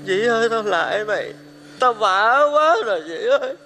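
A coarse, desperate beggar, Đạt. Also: male voice, sits high, expressive, normal speed, background noise. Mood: begging. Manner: coarse, rough, wheedling. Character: poor crude desperate man begging for money. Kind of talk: cải lương stage drama. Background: traditional music accompaniment.

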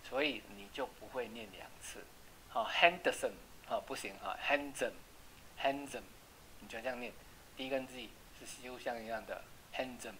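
A man teaching an English class, chatty and checking with students, slowing down to repeat words for pronunciation. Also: mid-range voice, steady tone, fairly bright tone, slight background noise, low-quality recording. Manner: asks "right?" often. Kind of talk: classroom lesson.

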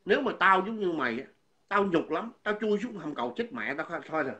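A man's voice: high voice, sing-song, fairly quick, sharp tone, lo-fi sound. A man delivering an angry, insulting monologue as a vlogger, repeating himself and stumbling over words. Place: living abroad.

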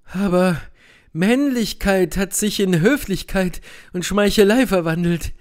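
In an audiobook reading, a man voices a passionate young noblewoman, fiery, grieving and indignant, breaking into impassioned outbursts. His voice is pushed up high and his pace unhurried.

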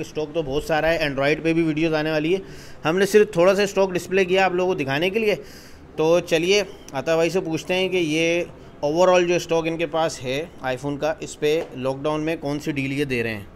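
Male host, somewhat high voice, Pakistani accent, casual product presenting, light room noise. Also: fairly even intonation, fairly quick. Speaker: video host interviewing a retailer. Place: living room of a house, indoors. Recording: some background noise in a room.

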